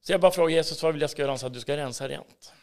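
A man with a Swedish accent telling his personal faith story in an interview, earnest and intense, sometimes dropping to a whisper. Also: on the high side. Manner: earnest, swings between hushed whispers and emphatic bursts. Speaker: interview guest. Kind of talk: personal testimony in a casual interview.

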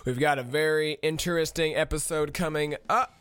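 A man's voice: on the high side, fairly even intonation, moderate pace, fairly bright tone. Profane rambling podcast host man. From Minnesota. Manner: profane, chuckling, rambling with restarts. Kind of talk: casual rambling podcast monologue.

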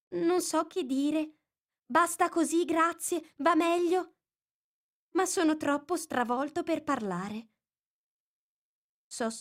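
A woman voicing a small, dazed male lizard with a thin, squeaky voice, talking in a faltering way. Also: fairly bright tone.

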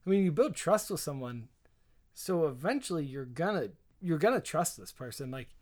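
A man hosting a casual podcast chat, asking probing questions and thinking out loud, with joking asides. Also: a little high, sing-song, moderate pace. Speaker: podcast host.

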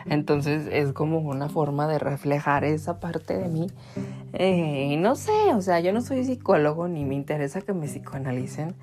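Here a podcast host with a Mexican accent talks to his audience in a relaxed, chatty way, leaning heavily on the filler "o sea." He speaks at a normal speed in a slightly high voice.

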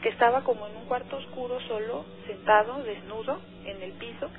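A woman's voice: a little high, brisk. A woman with a Mexican accent, calling in to a radio show and telling her story in an earnest, hesitant way, with many filler words. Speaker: radio caller. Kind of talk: phone-in conversation. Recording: tinny phone line, faint music.

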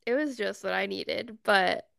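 A woman's voice: medium pitch, unhurried, creaky, a bit bright, clear, resonant tone, no room sound, clean studio sound. A young woman co-hosting a podcast, telling an emotional family story in a chatty way with frequent laughter. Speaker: podcast co-host. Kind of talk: casual chat.

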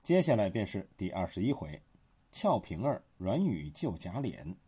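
A man with a very husky, breathy voice reads scripted literary commentary, his tone dark and mellow. His pitch rises and falls in a lively way. The recording sounds dull and lo-fi. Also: normal speed.

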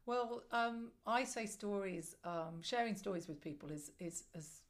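A middle-aged woman answering interview questions conversationally as a guest, reflective and measured, with emphatic phrasing. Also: mid-range voice. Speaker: podcast guest, storyteller and former broadcast journalist.

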